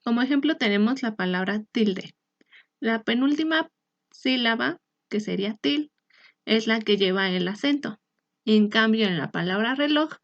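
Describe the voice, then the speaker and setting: A woman teacher explaining a lesson in a clear, measured way, sometimes restarting a phrase. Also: on the high side, no room sound. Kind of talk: recorded online lesson. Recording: dry, slightly muffled recording.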